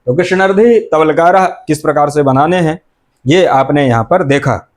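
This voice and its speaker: A man's voice: fairly high pitch, normal speed. A middle-aged man teaching Sanskrit grammar, asking questions and answering them himself and repeating the key terms. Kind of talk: explanatory lecture.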